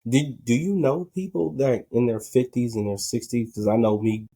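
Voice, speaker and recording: A man's voice: mid-range voice, moderate pace, mellow, breathy edge. A male podcast host asking rambling questions in casual talk from a bedroom at home. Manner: rambling, asks questions with restarts.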